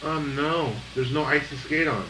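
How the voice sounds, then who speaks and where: A man's voice: fairly high pitch, fairly even intonation, moderate pace, distant mic, background noise. A man patiently prompting his grandmother with questions in a casual family chat, recorded on an old VHS home video. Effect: old home VHS tape sound. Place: home kitchen.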